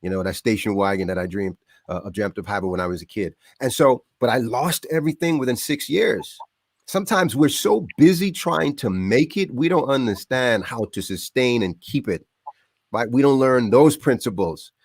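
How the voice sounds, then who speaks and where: A middle-aged man from the Bahamas, a podcast guest telling his life story in a casual, animated way. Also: medium pitch, moderate pace, dry recording, studio quality. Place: home in New York.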